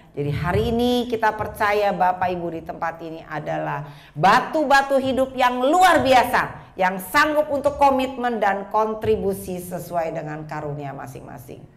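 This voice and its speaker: Woman preacher, 40s, lively testimony sermon, talks right to the congregation. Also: medium pitch, normal speed. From Indonesia. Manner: lively, addresses the congregation directly. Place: church.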